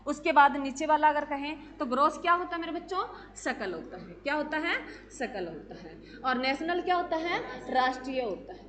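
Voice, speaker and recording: A woman's voice: high-pitched, lively intonation, moderate pace, background noise. A woman teacher giving an exam-prep lecture, asking questions and answering them herself, often calling her students "my children".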